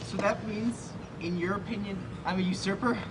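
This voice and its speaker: A woman's voice: mid-range voice, steady tone, normal speed, lightly acted. Indignant young suitor, read by a woman outdoors, noisy open courtyard. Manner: indignant, insistent, rising to shouts. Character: touchy young male landowner suitor, anxious. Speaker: student actor. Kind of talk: live outdoor play reading. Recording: distant voice over loud crowd noise.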